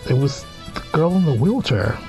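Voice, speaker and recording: With game music playing behind him, a man reads a visual novel aloud as a let's play host, slipping informal asides and reactions in between the lines. His voice sits on the high side and has a sing-song lilt, a moderate pace, and a slightly mellow quality.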